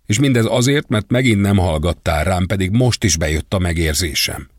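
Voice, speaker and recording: A man voicing a betrayed woman, shouting and cursing bitterly down the phone. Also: deep voice, animated, no room sound, clean studio sound. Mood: furious.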